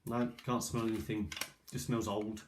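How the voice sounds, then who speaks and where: A middle-aged video maker sits at his kitchen table showing off old cassette tapes, rambling casually and musing aloud with hesitation. His voice is on the low side with little pitch movement and a moderate pace. The built-in microphone of an ageing iPad makes the recording clearly noisy, with clicks.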